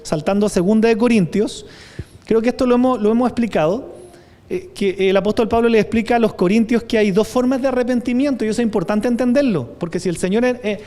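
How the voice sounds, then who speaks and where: Chilean pastor, male, high mellow voice; conversational sermon, reads scripture with force. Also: quick pace. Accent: Chilean Spanish. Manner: conversational preaching with frequent rhetorical tag questions.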